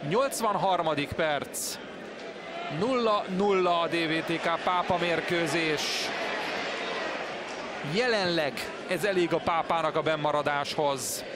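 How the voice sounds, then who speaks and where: A man with a Hungarian accent giving live football commentary, with measured, reflective remarks between plays. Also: a little high. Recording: loud stadium crowd and noise behind. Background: football crowd.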